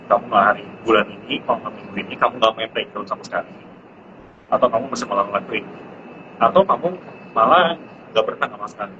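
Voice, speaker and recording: A man in his thirties, a parent sharing parenting tips in a casual live-stream chat, who jumps into a high pitch to mimic his child. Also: fast talker, pauses often. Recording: muffled live-stream audio with background noise.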